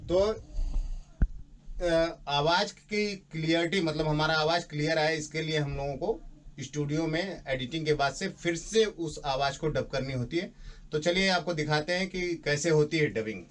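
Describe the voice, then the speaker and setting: A man's voice: fairly high pitch, moderate pace, fairly bright tone, slight background noise. A man running a dubbing studio, explaining the process and coaching an actor with impatient corrections. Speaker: dubbing studio operator and director. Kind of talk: instructional explanation.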